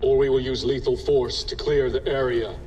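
A stern officer, barks a flat countdown warning through a booming loudspeaker sound cannon. His mid-pitched voice rings out with a long reverb across a vast concrete hall. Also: normal speed, lo-fi sound, a little hiss or hum. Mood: commanding. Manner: curt, flat, commanding countdown delivery. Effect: warning blasted through a loudspeaker sound cannon. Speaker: armed law officer giving a countdown warning.

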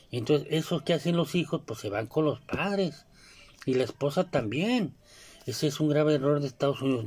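The voice is a man's, a little high with a darkish tone, carrying a Mexican Spanish accent. He's a commentator chatting casually in a rambling way, full of fillers and asides, frequently asking "you know?"

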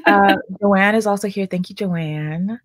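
A woman's voice: mid-range voice, unhurried, dry recording. A woman hosting a casual livestream chat, chatty and greeting viewers by name. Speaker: livestream host.

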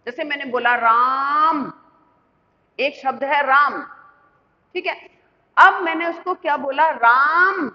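A woman teacher explaining a lesson step by step, asking the class questions and answering them herself. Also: high-pitched. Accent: Indian Hindi. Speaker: school teacher. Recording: muffled lo-fi with long reverb.

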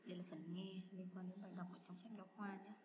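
A woman teacher goes through test answers one by one, speaking to her students in a friendly, patient tone. Her voice sits at a middle pitch. It was recorded in an echoey room with steady, clearly audible background noise. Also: fast talker. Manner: patient, chatty, addresses students as "các bạn". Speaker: English teacher. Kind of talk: explaining exam answers.

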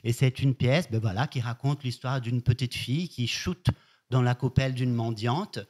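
A man's voice: mid-range voice, moderate pace, a little mellow. Male actor chatting as a guest. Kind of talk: casual interview chat.

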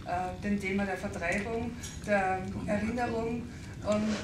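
A woman's voice: mid-range voice, fairly even intonation, unhurried. A woman secondary school teacher giving a hesitant self-introduction at a round-table meeting. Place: large wood-panelled hall indoors. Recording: echoey hall, camera far off, hiss.

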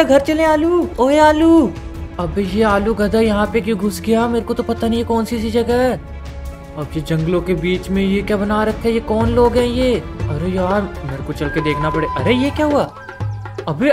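A woman leading a Minecraft role-play, talking excitably with shouted exclamations and scolding her sidekick. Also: medium pitch, moderate pace. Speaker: role-play host and lead player. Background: game music.

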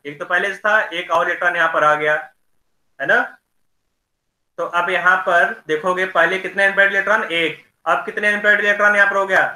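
A man teaching chemistry in an online class, explaining slowly and checking in with his students often. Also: sits high, sharp tone, roomy sound, poor audio.

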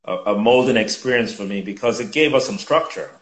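A man in his fifties from Nigeria, a guest speaking in a measured, reflective way with many fillers over a video call from a room at home. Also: medium pitch, a bit bright, roomy sound, rough recording. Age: 50s. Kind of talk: conversational interview.

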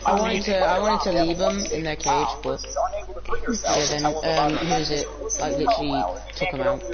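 A man giving quick, repeated callouts and halting explanations in casual gaming voice chat. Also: on the high side, loud music behind the voice. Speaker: gamer. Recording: muffled voice chat with loud crowd noise.

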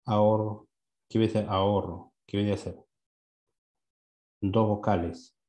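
A male teacher in a classroom who leads a lesson, asks students frequent questions and repeats words slowly. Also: on the low side, little pitch movement, warm tone.

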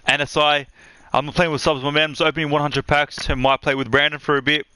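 A young man streaming live from his room on a headset mic, chatting excitedly as he opens game loot. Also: a little high, fast, clean tone. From Australia.

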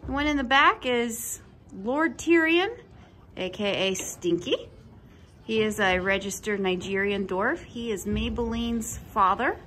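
A woman in her thirties giving a casual tour of her small farm, introducing each animal in a friendly, unhurried way, filmed on a handheld phone in a barn and outdoors. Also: fairly high pitch, fairly bright tone, slight background noise. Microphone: handheld phone camera.

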